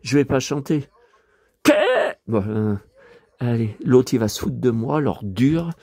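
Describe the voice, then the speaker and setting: A hoarse man in a casual vlog, talking to his viewers and muttering exclamations to himself as he browses through his purchases. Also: mid-range voice, unhurried, mellow, no room sound. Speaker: vlogger showing his purchases.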